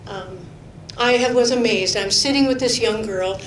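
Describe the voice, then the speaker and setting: A middle-aged woman, preaching a sermon full of personal testimony in an earnest, chatty way. She laughs often and drops to a near-whisper for emphasis. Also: normal speed. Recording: roomy hall echo with faint rumble.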